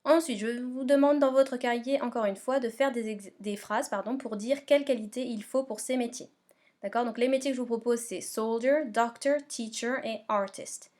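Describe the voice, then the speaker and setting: A woman's voice: a little high, steady tone, normal speed, darkish tone. A woman teacher guiding pupils step by step through their remote English homework, often checking they follow. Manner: patient, step-by-step, checks understanding. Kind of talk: remote lesson instructions.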